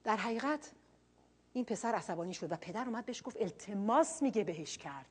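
Earnest woman preacher, husky voice. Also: mid-range voice, animated. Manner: earnest, swinging between quiet reflection and loud emphasis. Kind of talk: sermon.

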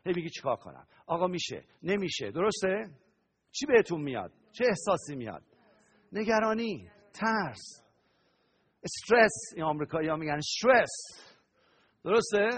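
High-voiced husky man preaching. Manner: animated preaching with call-and-response questions to the audience. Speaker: pastor. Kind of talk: sermon to a live congregation.

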